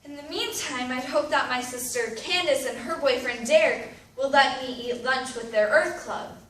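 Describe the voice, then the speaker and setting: In a dramatic readers theatre monologue, a woman plays an anguished, anxious, self-loathing teenager writing confessional letters, her mood sad and confiding. Her voice is high with a fairly bright tone, at normal speed, and her delivery is dramatic and emphatic. A distant mic picks up a roomy sound with background noise.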